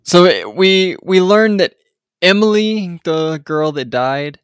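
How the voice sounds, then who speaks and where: A man co-hosting a podcast recaps film and TV in a loose, rambling, informal chat. His high-pitched voice is clear and resonant with lively intonation, and he takes his time; the sound is clean studio audio with no echo.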